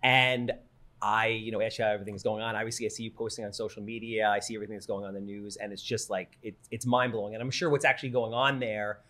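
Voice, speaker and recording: Fast-talking enthusiastic podcast host man. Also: fairly low pitch, level tone, sharp tone. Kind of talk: casual podcast interview.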